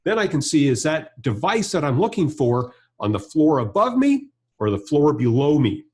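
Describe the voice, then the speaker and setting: Demonstrating a product hands-on, an American trainer and presenter in his fifties explains it conversationally and plainly in a fairly high, sing-song voice at a moderate pace. He's recording in an indoor studio or workshop with a backdrop and bench.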